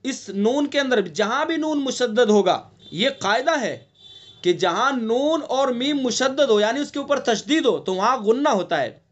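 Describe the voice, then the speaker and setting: A male recitation teacher giving an online lesson, explaining patiently and breaking into long drawn-out chanted recitation. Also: very high-pitched, animated, dull audio. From India.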